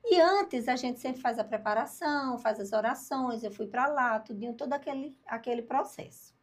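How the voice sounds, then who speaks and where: An older woman, a podcast guest telling her story in a lively way and acting out the dialogue. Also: on the high side, moderate pace. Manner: lively storyteller, acts out dialogue, laughs at herself.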